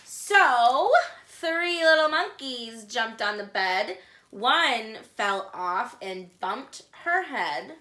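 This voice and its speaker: In an echoey room, a woman with a high, bright voice hosts children's storytime. She reads a picture book aloud expressively, using deliberate, singsong phrasing meant for little listeners.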